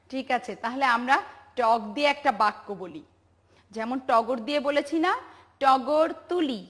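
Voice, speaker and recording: A woman's voice: sits high, a bit bright. A woman teaching a televised preschool lesson, patient and sing-song, asking questions and praising the children. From Bangladesh.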